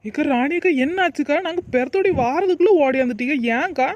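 A woman's voice: sits high, fast, a little mellow, dull audio, close to an everyday voice. A woman voicing a kind, concerned young village woman in a cartoon, coaxing. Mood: worried.

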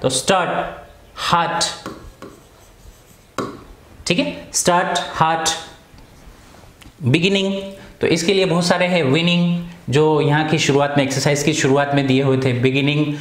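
A man's voice: fairly high pitch, fairly even intonation. Hindi-speaking male teacher, echoey room. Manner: explains in Hindi mixed with English, asks questions and answers them himself; slow, deliberate English reading. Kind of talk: classroom lesson explanation.

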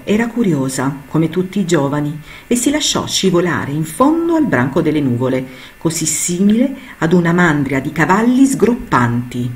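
A woman reading a short story aloud in an expressive, measured storytelling manner. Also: sits low.

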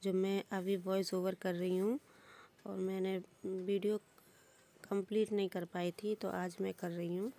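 A woman's voice: medium pitch, little pitch movement, a little slow, mellow. A woman chatting through a homely voice-over for her family vlog, recorded at home. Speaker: vlogger.

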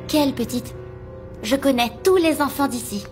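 A woman's voice: sits high, normal speed, faint music behind, natural voice. An actress dubbing an insistent young woman in a French-dubbed telenovela. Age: young adult. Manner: insistent, confrontational.

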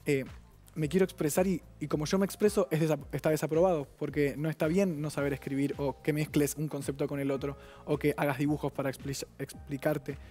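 A man's voice: on the high side, little pitch movement, mellow. A man in his twenties with a Rioplatense Spanish accent, earnestly telling his own story as a guest on a TV talk show. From Argentina. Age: 20s. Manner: earnest, rapid, reflective. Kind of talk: personal account on a TV talk show.

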